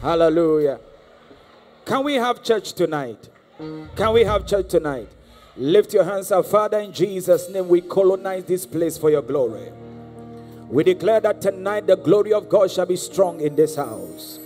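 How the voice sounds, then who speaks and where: On stage in a large church hall, a Ghanaian-accented guest prophet in his thirties delivers a charismatic sermon into a handheld mic. His voice sits high and a little mellow, with lively intonation and a slightly slow pace, and he repeats lines for the crowd to call back. Long reverb and music fill the live recording.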